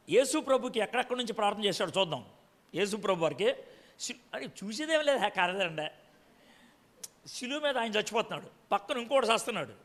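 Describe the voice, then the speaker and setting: A man's voice: high-pitched, a bit bright, in a large hall. A man preaching a sermon, quizzing his congregation with frequent direct questions.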